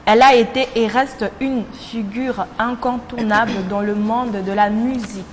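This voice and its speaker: A young woman from Congo hosts a casual TV chat show in a slightly high voice. She talks in a playful, chatty way and laughs at herself. The studio sound has a long reverb with faint ambience behind her. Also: fairly even intonation, moderate pace, a little hiss or hum. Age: young adult. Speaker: TV show host.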